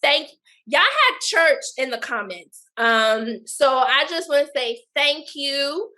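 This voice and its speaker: Woman talk show host, high bright voice, playful and joking, a little hoarse. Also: takes it slowly. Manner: playful, animated, church-style jokes. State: slightly hoarse. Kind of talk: casual live chat.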